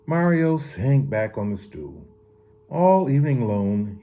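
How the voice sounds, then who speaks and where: A man reads a children's story aloud with a warm, mellow voice. His pitch rises and falls expressively, and he sometimes backs up to reread a line. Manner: expressive reading with occasional restarts. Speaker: story reader.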